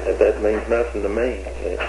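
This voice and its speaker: A man's voice: on the low side, little pitch movement, moderate pace, gravelly, background noise. An older man being questioned, talking in a hesitant, rambling way with many restarts, heard on an old interrogation tape recording.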